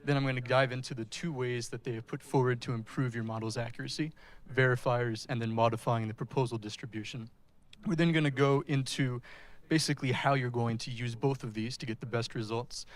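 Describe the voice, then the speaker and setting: Guy giving a tech talk in front of an audience, talking right to the room, medium pitch. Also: fairly even intonation, fairly quick. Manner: presenting in front of an audience, addressing listeners directly. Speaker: speaker giving a technical talk. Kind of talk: conference-style presentation to an audience.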